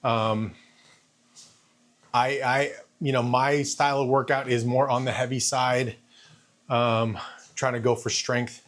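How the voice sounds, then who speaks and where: A man in his fifties giving a casual, halting vlog monologue, thinking aloud and repeating phrases while walking on a treadmill. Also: mid-range voice, level tone, a bit bright. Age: 50s. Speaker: fitness vlogger.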